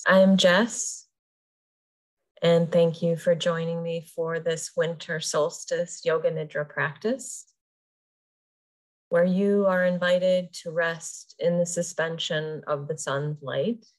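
Soothing and slow, this woman teaches yoga nidra, guiding a meditation with pauses between short phrases. She speaks low and a little mellow, with hardly any pitch movement.

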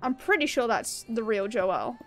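A woman's voice: on the high side, lively intonation, moderate pace, fairly bright tone, soft background music. A young woman streaming a game, chatting casually and upbeat with her viewers and laughing often. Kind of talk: casual live-stream chat while gaming.

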